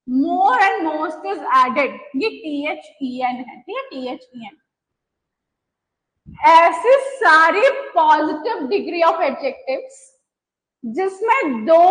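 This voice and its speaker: High-voiced woman teaching grammar. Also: fairly bright tone, poor audio. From India. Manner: explains patiently, mixing Hindi and English, slows down on examples. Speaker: English teacher. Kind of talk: online grammar lecture.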